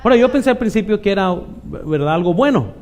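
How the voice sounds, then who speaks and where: A middle-aged Mexican pastor delivers a chatty sermon. His voice sits a little high for a man but sounds dark and mellow. He keeps checking in with his listeners. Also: animated, fast, a little hiss or hum. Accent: Mexican Spanish. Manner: conversational preaching, frequent "¿verdad?" asides, acts out quoted voices.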